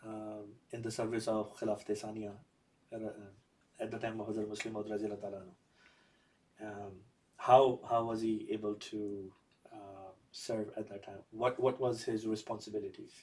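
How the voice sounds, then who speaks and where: A man hosting a conversational interview, putting measured questions with pauses. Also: lowish voice, level tone, a little mellow, far from the mic, poor audio. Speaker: podcast host.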